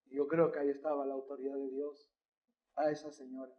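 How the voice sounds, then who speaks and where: A man's voice: medium pitch, flat delivery, brisk, highs cut off. A male pastor preaching a sermon, telling a personal story and asking the congregation rhetorical questions.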